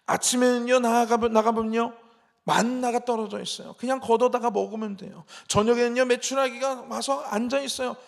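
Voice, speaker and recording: A man preaches an evening sermon with a lot of emphasis, often slipping into quoted voices to act out the people's grumbling. His voice sits high for a man and carries a gravelly edge. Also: steady tone, fairly quick. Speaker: pastor.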